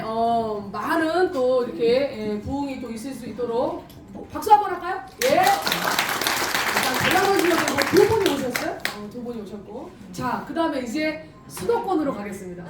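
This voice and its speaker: A middle-aged woman hosting a camp event, speaking to a large audience in a lively way and laughing often. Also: sits high, moderate pace. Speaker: event host. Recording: echoey hall, distant mic, crowd noise.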